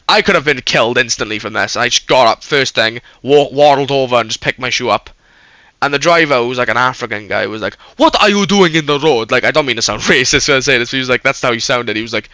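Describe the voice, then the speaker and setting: Bright-voiced man telling a story. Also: medium pitch, dry recording. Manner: rambling, heavy swearing. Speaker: YouTuber. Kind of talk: casual storytelling.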